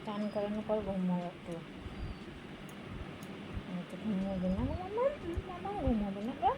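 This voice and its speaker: A woman's voice: medium pitch, sing-song, normal speed, noisy background. A mother talking sing-song baby talk to her baby while filming at home.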